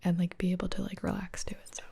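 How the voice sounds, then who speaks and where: A woman's voice: fairly low pitch, completely flat delivery, fast talker, creaky, breathy edge. A woman whispering chatty ASMR reaction commentary as host, filling her talk with "like". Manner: soft whisper, chatty, many "like" fillers.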